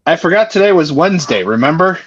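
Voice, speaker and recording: A man's voice: fairly high pitch, animated, quick pace, fairly bright tone. A man co-hosting a podcast over a phone, joking and teasing in casual chat. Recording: dull lo-fi phone audio.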